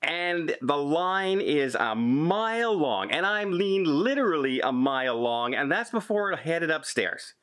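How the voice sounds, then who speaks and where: A man's voice: a little high, lively intonation, measured pace, few pauses, fairly bright tone. A man in his fifties from Canada, a travel vlogger telling an exasperated story straight to camera, gesturing as he retells an argument.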